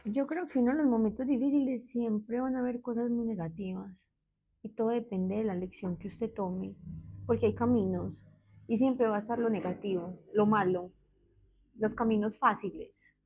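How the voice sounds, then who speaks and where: A woman's voice: medium pitch, steady tone, normal speed, warm tone, breathy edge. A woman in her thirties with a Medellín Colombian accent, a therapist telling her own story in an interview, candid and hesitant, often restarting. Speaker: guest, therapist.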